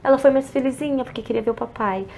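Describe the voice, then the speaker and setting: A woman with a Brazilian Portuguese accent, an interview guest telling an emotional personal story and acting out other people's words, often softly. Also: high voice, quick pace, vocal fry, a little hiss or hum. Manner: acts out quoted dialogue, often softly.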